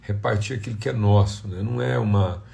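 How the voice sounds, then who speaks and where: A Brazilian pastor hosts a devotional livestream, giving an informal talk with prayer and addressing viewers as family and brothers. His low, mellow voice has lots of gravelly creak and moves fairly quickly, and he sounds slightly hoarse and congested.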